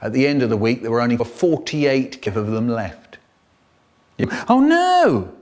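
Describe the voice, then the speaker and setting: A man's voice: medium pitch, moderate pace, darkish tone. A man telling comic childhood stories in a playful way, with sound effects. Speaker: comedian. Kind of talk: comic storytelling.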